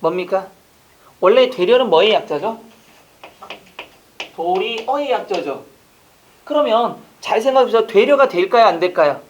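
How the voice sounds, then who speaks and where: A man teaching an online exam-prep lecture, quizzing listeners with rapid rhetorical questions and casual joking asides. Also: high-pitched, animated, lo-fi sound.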